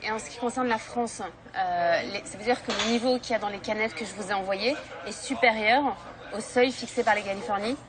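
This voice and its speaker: Woman interviewer, curious and a bit hesitant, average pitch, crowd noise around. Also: a little fast. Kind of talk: dubbed interview questions.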